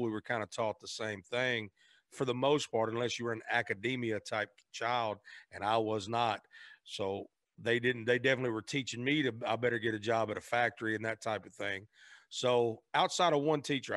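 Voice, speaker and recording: A man's voice: medium pitch, a bit bright, dry recording. An earnest man with a drawl talks as a podcast guest, restarting his sentences as he goes. His voice sits mid-range. The recording is dry and close. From Memphis, Tennessee, raised in Arkansas. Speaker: guest, singer. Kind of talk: casual conversation.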